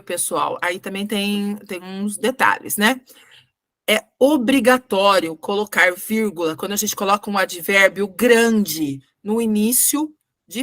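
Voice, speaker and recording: A woman's voice: medium pitch, fairly bright tone, no echo, studio quality. A Brazilian woman teaching a grammar lesson who goes step by step, reads example sentences aloud and often checks whether her students are following. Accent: Brazilian Portuguese. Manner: patient, explains step by step and checks understanding.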